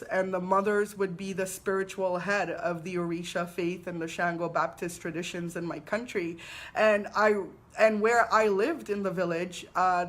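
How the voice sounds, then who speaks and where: A woman, a spiritual teacher hosting a live weekly talk, telling stories in an unhurried, reverent way. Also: fairly low pitch, a bit bright. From Trinidad and Tobago. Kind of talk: live-streamed personal talk.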